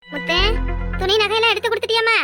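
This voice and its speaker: A woman's voice: extremely high pitch, fairly even intonation, brisk, creaky, soft background music, heavily acted. A woman doing a wailing old village mother. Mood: anxious. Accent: Kanyakumari Tamil. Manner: loud wailing lament. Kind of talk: cartoon voice acting.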